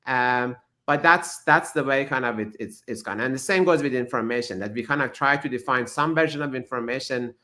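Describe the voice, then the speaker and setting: A physicist whose first language is Persian explains ideas as an interview guest, thoughtful and halting with many restarts. His voice is medium-pitched, bright and forceful.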